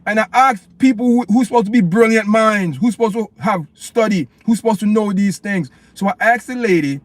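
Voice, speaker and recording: Here a livestream host from Jamaica, with a Jamaican accent, speaks in a high voice at a fairly quick pace, recorded with no room sound. Impassioned and preachy, he rants his opinions at viewers, calls them "people," and repeats his points.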